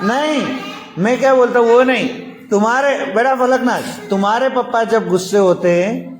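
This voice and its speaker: A man's voice: very high voice, moderate pace. A man with a Gujarati accent teaching a class of young children, coaxing and encouraging them as he mixes two languages. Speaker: primary school teacher. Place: large classroom full of children. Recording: echoey hall with loud children noise.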